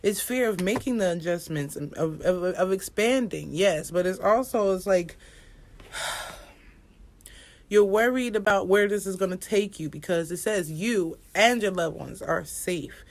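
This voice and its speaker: An oracle card reader offers a casual astrology reading straight to her viewers, rambling, repetitive and occasionally swearing. Her voice is medium in pitch and her delivery unhurried.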